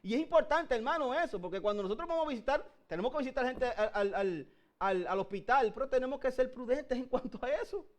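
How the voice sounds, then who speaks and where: A man's voice: very high-pitched, expressive, fast talker. A man with a Puerto Rican accent preaching a sermon, calling his listeners "brother" again and again and building up to emphatic peaks. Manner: addresses listeners as "hermano" constantly, rising to emphatic peaks.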